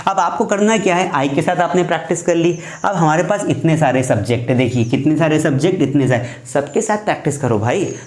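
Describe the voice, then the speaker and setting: A man's voice: a little high, fairly quick, few pauses. Man teaching grammar in an echoey room. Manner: explains step by step, repeats examples. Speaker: English teacher. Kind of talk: classroom grammar lesson.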